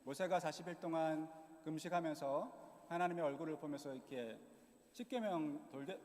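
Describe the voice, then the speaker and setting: A middle-aged man preaching a sermon in a church, telling the stories in a lively way and acting out the voices of the people in them. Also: a little high, moderate pace. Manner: animated storytelling, acting out quoted voices. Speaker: missionary preacher. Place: church hall. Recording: long hall reverb in a church.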